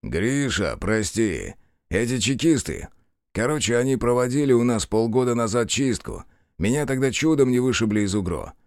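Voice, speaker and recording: A man's voice: mid-range voice, sing-song, moderate pace, no room sound, clean studio sound, pitched above the performer's own voice, natural voice. A man voicing a guilty, fawning young detective who pleads and wheedles with his partner. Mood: pleading.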